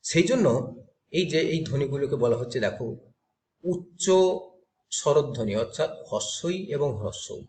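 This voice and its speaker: A man's voice: medium pitch, animated, moderate pace, pauses often, a little mellow, slight background noise. A man teaching a grammar class to students. He explains step by step and asks questions that he then answers himself.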